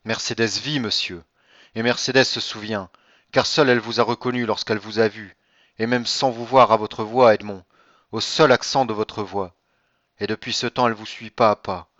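A man's voice: on the low side, fairly even intonation, moderate pace, fairly bright tone, dry recording, natural voice. A man reading an audiobook, voicing an anguished noble mother who pleads with emotion. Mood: pleading. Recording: dull lo-fi dry recording.

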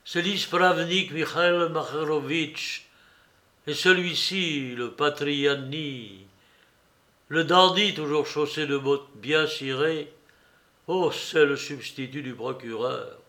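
A man reads a classic novel aloud at a very slow, deliberate pace. His voice is bright and sits a little high. It is scripted audiobook narration.

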